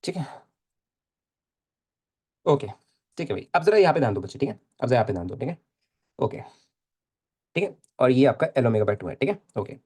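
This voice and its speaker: A man's voice: mid-range voice, big pitch swings, normal speed, long pauses, darkish tone, husky. A young man teaching physics in a casual live lecture, coaxing students and repeating phrases.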